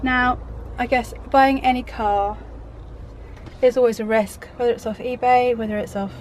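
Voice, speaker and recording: A woman, croaky from a cold, chatting rambly and casually in a camper van vlog. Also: on the high side, fairly even intonation, moderate pace, a little mellow, low-quality recording. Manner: chatty, rambling, self-interrupting. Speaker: craft vlogger. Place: inside a camper van on a busy main road. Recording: traffic noise from a main road. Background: road traffic noise.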